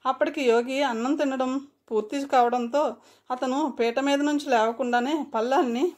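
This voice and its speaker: A woman storyteller reading a novel aloud in a steady, expressive way. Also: high-pitched, normal speed.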